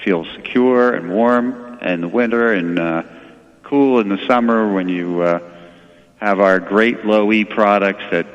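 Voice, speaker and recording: A man's voice: on the low side, measured pace, clear, resonant tone, in a large hall, dull audio. A man giving explanatory sales talk as an expert guest in a radio interview. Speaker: window and door company expert, guest.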